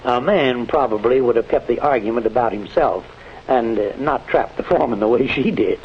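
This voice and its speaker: Middle-aged American senior manager, played by a male actor, 1940s training film, avuncular and measured, dull old soundtrack. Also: medium pitch, slight background noise, natural voice. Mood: amused, advising. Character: genial, condescending senior plant manager advising a foreman. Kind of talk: 1940s instructional film acting.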